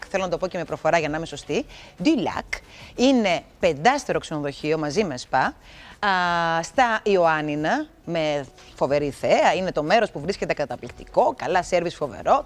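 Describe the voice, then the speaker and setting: A middle-aged woman hosting a TV game show, talking to viewers in a chatty, playful way. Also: fairly low pitch. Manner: lively, chatty and playful, talks straight to viewers. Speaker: TV show host.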